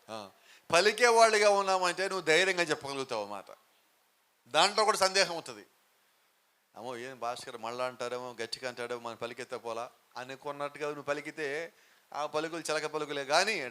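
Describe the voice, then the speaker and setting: A man's voice: a little high, sharp tone, smooth. A man preaching a sermon with emphatic rhetorical questions, now and then mixing in English phrases. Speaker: pastor.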